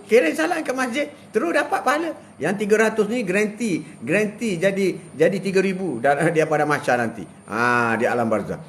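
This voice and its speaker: An older man from Malaysia hosting a casual live stream, giving religious advice in an animated way, laughing and reading viewer comments aloud outdoors. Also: sits high, brisk, few pauses, a little hiss or hum. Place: outdoors beside a plantation.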